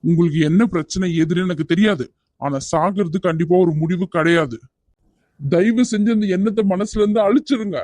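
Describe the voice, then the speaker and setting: Voice actor playing a caring young cartoon guy, firm yet soothing, mellow tone, dry close sound. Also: medium pitch, brisk, no room sound, natural voice. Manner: firm yet gentle, coaxing. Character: kind, persistent young man rescuer. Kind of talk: cartoon voice acting.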